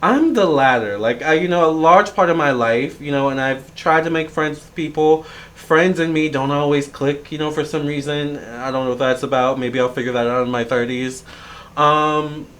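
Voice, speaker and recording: A man's voice: fairly high pitch, moderate pace, a bit bright. A man of thirty, a tarot reader, talking through a casual, reflective vlog monologue and rambling with plenty of fillers and restarts.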